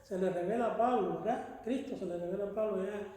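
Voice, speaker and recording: A man's voice: high-pitched, fast, dark tone. A man, a pastor and author, explaining scripture conversationally and checking in with his listener as he goes. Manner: explanatory, often checks with "¿verdad?". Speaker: pastor and author being interviewed. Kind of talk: conversational Bible teaching. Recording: echoey, reverberant room.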